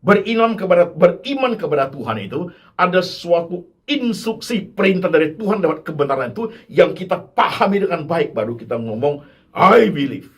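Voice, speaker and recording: A man's voice: high-pitched, lively intonation, fairly quick, husky. A man preaching a sermon as pastor, acting out quoted voices and mixing in English words.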